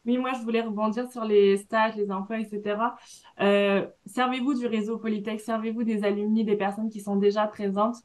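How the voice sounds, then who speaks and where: A woman's voice: medium pitch, flat delivery, a little fast, a little mellow. A woman with a French accent speaking as an alumna on a panel, giving students direct, encouraging career advice. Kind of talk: panel talk, advising students.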